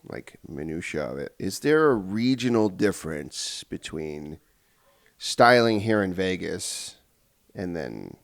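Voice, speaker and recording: A man's voice: sits low, very animated, slow, vocal fry. A man hosting a podcast, asking long rambling questions with restarts and bursts of enthusiasm. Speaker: podcast host. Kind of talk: casual interview chat.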